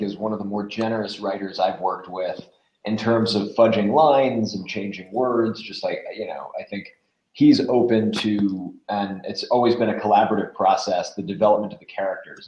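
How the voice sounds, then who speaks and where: A voice actor from audio dramas chats casually as a podcast guest, slipping into acting out quoted phrases. His voice is lowish with a darkish tone. The recording sounds muffled, roomy and echoing.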